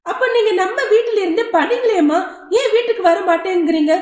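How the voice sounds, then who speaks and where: A woman's voice: very high-pitched, expressive, brisk, darkish tone, voice pushed up. A woman voicing a small, stubborn and tearful boy who pleads in a whiny child voice. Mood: pleading. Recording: roomy echo.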